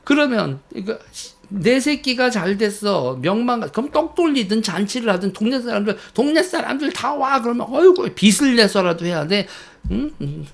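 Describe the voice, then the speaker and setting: A man's voice: high voice, big pitch swings, normal speed, gravelly. A man from Korea's Chungcheong region giving casual political commentary, storytelling and acting out quoted villagers, chuckling often between points.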